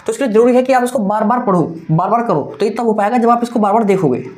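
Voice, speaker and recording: A man's voice: sits high, fast, darkish tone. A young adult man teaching a maths exam-prep lesson, talking in a coaxing, repetitive way and mixing in English terms.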